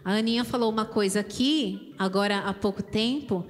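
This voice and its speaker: A Brazilian woman teaching a children's church service, animated and asking the kids questions. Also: mid-range voice, moderate pace. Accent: Brazilian Portuguese. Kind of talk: children's sermon. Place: church hall. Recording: church hall reverb with music behind.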